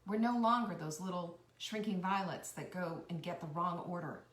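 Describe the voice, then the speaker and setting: An earnest woman giving an uplifting pep talk, with a preachy, repetitive cadence that jumps from high, bright bursts down to hushed near-whispers. She sounds a little away from the mic, in a room with plenty of echo. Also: moderate pace. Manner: earnest and encouraging, preachy cadence with repeated phrases; animated, swinging between high bursts and soft near-whispers. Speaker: host of a cooking and life-tips channel. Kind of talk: motivational talk to camera. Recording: roomy echo, a bit far from the mic.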